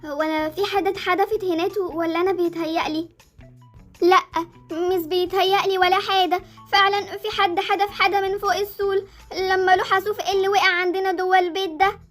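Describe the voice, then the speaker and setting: A woman's voice: very high-pitched, level tone, fast talker, fairly bright tone, faint music behind. Figure: a woman playing a cheeky little girl. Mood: curious. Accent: Egyptian Arabic. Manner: chatty, bossy, mischievous. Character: cheeky young girl, playful prankster.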